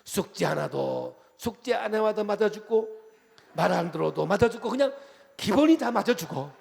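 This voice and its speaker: High-voiced, gravelly Korean pastor preaching. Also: male voice, long reverb tail. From Chungcheong, Korea. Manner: animated, jokey preaching with quick shifts between loud and soft. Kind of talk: revival sermon.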